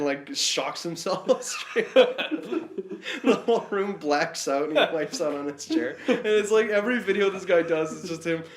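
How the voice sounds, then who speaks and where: Stuffed-up Boston man, roomy echo. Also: on the high side. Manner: laid-back storyteller, swears freely. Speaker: podcast co-host. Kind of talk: casual chat.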